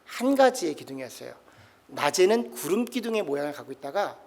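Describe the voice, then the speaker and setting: A man preaching a sermon as pastor. He moves between loud exclamations and soft, intimate lines, telling stories and acting out voices. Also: fairly high pitch, very animated, fairly quick. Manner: tells anecdotes and acts out quoted voices.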